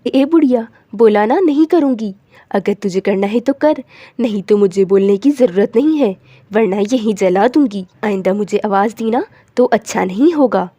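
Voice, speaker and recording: A woman's voice: medium pitch, animated, normal speed, dark tone, voice pushed down, close to an everyday voice. A woman voicing a rude, scornful young daughter-in-law in a cartoon story, talking harshly. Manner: harsh and insulting.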